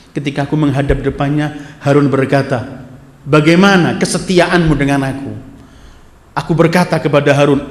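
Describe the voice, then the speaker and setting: Man preaching in an echoey hall. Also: fairly high pitch. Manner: acts out dialogue, swings from loud to hushed. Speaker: religious teacher. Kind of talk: sermon with told story.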